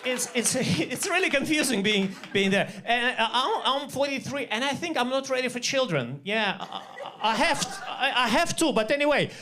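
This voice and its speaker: A high-voiced man in his forties with a Russian accent works a comedy club stage through a handheld mic. His deadpan delivery stumbles through fillers and restarts between punchlines, and English is not his first language. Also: normal speed, hardly any pauses, some chatter behind, a little hiss or hum. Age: 40s. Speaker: stand-up comedian. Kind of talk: stand-up comedy set.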